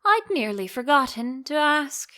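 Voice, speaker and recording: A woman voicing a grinning, teasing, calmly mad cat in a storybook, with slow, cryptic delivery. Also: high voice, full character voice. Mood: nonchalant, curious.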